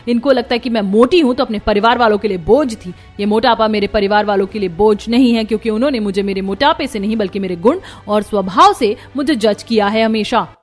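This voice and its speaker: A woman's voice: mid-range voice, a little fast, few pauses, soft background music, close to an everyday voice. A woman voicing a heavy, outspoken young daughter-in-law in a cartoon story, fiery and defiant. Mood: angry. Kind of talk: cartoon voice acting.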